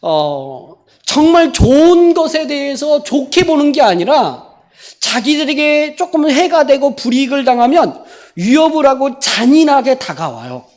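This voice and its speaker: Woman pastor, sermon, chatty storytelling, animated pitch, asks the congregation questions. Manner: conversational storytelling with rhetorical questions. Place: church sanctuary.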